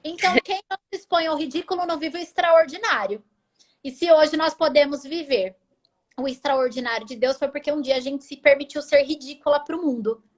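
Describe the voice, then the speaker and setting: A woman with a Brazilian Portuguese accent giving a faith testimony in an animated, expressive way. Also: high-pitched, fairly quick.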